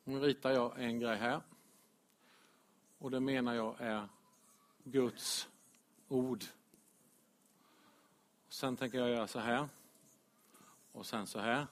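A man preaching a lively, direct sermon as pastor to his congregation. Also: mid-range voice, pauses often. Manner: animated, direct, addresses congregation, chuckles.

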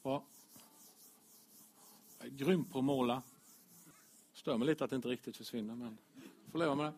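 A man preaching a lively, direct sermon as pastor to his congregation. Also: medium pitch, slightly rough. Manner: animated, direct, addresses congregation, chuckles.

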